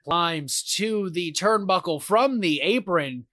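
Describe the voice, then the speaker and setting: A male wrestling commentator with a notably high-pitched voice delivers move-by-move play-by-play. He is excitable and breaks into exclamations on big moves. The sound is dry, with hardly any room echo. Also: takes it slowly.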